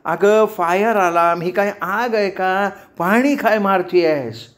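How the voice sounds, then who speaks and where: A man voicing an excitable, loud young woman student living abroad, talking quickly and impatiently. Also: high voice, voice pushed up. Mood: shouting, exasperated.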